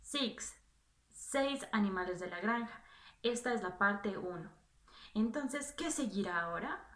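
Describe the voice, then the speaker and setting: A woman with a bright, clear voice leads a children's lesson at an unhurried pace. She repeats each word patiently and asks encouraging questions. The room is echoey, with faint music underneath. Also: medium pitch, lively intonation. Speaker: English teacher.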